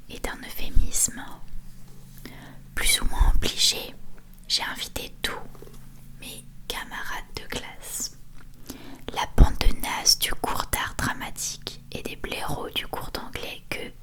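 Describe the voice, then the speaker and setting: A woman doing a whispered ASMR book reading in a soft, hushed library whisper, close to the microphone, sometimes correcting herself. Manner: hushed storytelling with self-corrections. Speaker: ASMR host reading a novel aloud.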